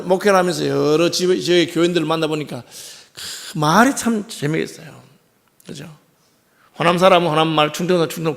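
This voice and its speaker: High, gravelly Gyeongsang pastor preaching. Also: male voice, fairly bright tone. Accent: Gyeongsang Korean. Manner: conversational preaching with frequent rhetorical questions to the congregation. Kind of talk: sermon. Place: church sanctuary.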